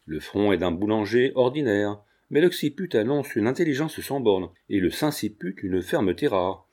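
A man's voice: medium pitch, lively intonation, normal speed, darkish tone, natural voice. A man voicing a witty young painter who teases with mock gravity. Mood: mock-grave. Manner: grave, teasing. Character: mocking young male painter, witty charmer.

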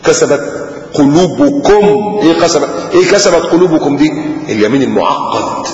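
A man's voice: fairly high pitch, brisk. A middle-aged man with an Egyptian accent teaching a religious lesson, acting out little everyday dialogues as he explains. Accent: Egyptian Arabic. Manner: lively, acts out little dialogues. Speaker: sheikh. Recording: echoey, muffled hall recording.

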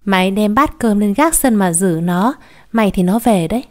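A woman's voice: medium pitch, lively intonation, moderate pace, darkish tone, close to an everyday voice. A woman voicing a harsh, bossy mistress of the house who scolds her young servant. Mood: conspiratorial.

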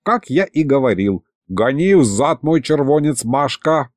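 A man's voice: medium pitch, sing-song, measured pace, a little mellow, dry recording, clean studio sound. Brief: old village grandpa, sly and chuffed, male narrator's put-on voice. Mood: folksy. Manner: shuffling, folksy. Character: old grandfather, cheeky and gloating.

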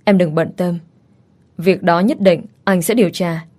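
Casual: lady reading as a sweet caring young husband, low mellow voice, soft reassuring talk, little bit of music behind. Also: steady tone, measured pace. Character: devoted young husband, tender and doting.

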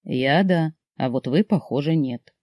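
A commanding, self-assured wealthy man, as a storyteller voices him, speaking lower and with calm authority. His tone is mellow and unhurried. The sound is close and dry, audiobook style. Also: no echo. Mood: stern.

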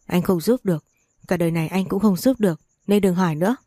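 A woman's voice: fairly low pitch, quick pace, dark tone, no room sound, clean studio sound, natural voice. A woman reading a desperate young servant girl. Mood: pleading. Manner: pleading, tearful.

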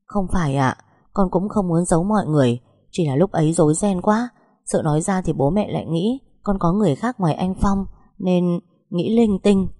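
A woman's voice: lowish voice, lively intonation, normal speed, dark tone, dry recording, clean studio sound. A woman voicing a young pregnant wife who speaks hesitantly, stammering and pleading.

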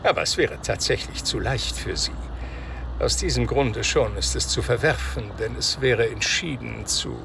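An actor playing a detective's wry, jovial doctor friend in a radio play, talking colloquially. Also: male voice, mid-range voice, normal speed, vocal fry, lightly acted. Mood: teasing, admiring. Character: wry, admiring English doctor, the detective's companion. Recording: outdoor street noise with vehicles. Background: street ambience, vehicles.

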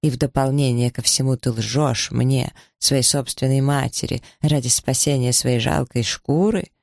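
Man reading as a bitter pious mother, slow cutting scorn, gravelly low-middle voice, dry close recording. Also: steady tone, a little mellow, no room sound. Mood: scornful.

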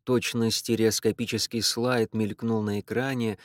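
A man narrating a novel aloud, expressive and acting out each voice. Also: on the low side, unhurried, no echo, clean studio sound. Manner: expressive, acts out the dialogue. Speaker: audiobook narrator. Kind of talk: literary audiobook reading.

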